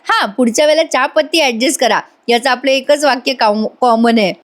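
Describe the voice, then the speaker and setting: A man's voice: very high-pitched, brisk, a bit bright. A woman voicing a joking young man of the household in a spoken serial retelling. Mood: bantering. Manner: bantering.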